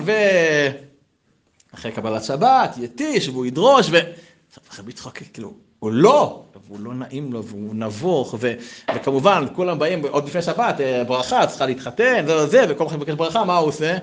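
A man telling a folk tale in a lively, animated way, with chatty asides to his listeners. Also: a little high. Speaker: storyteller. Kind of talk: lively oral storytelling.

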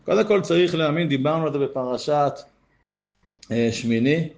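A man's voice: animated, gravelly, a little mellow, muffled recording. Earnest man teaching a Torah lesson. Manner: earnest, rises in pitch to stress key points. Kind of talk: Torah lesson, reading and explaining texts.

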